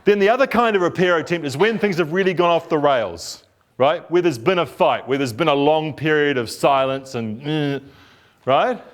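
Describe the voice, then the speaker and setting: A middle-aged couples therapist with a New Zealand accent talks informally to a workshop group at a moderate pace, his voice a bit higher than most men's. His manner is relaxed and rambling and conversational, full of fillers and restarted phrases, and he keeps checking in with the room.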